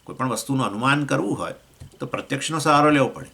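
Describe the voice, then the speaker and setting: Man, Gujarati accent, bright clear tone, scripture class lecture, rises and drops in pitch. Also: quick pace. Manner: explains with questions to listeners, acts out voices of elements; pitch swings between raised points and low asides. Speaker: swami teaching Vedanta.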